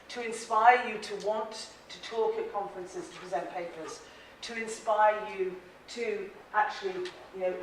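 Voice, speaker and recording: A medium-pitched Irish woman runs a live presentation-skills workshop, keeping it chatty and encouraging with plenty of laughter and questions for the group. The large training room echoes, and the recording is very echoey, taken from a distance, with slight background noise.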